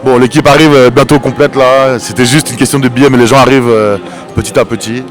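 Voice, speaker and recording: A middle-aged man from Paris, a drummer, answering interview questions in a warm, easygoing way. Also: mid-range voice, steady tone, fast talker. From Paris, of Cuban descent. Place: busy train station. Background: music.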